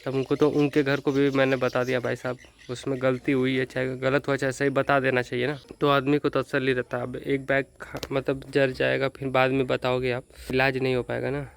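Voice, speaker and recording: Brisk and monotone, with hardly any pauses, this mid-range male voice is creaky yet clear and resonant. The speaker is a young vlogger from northern India talking casually to camera in farm fields, then at home. Chatty and rueful, he mocks himself and keeps saying "bhai sahab," addressing viewers as "brother."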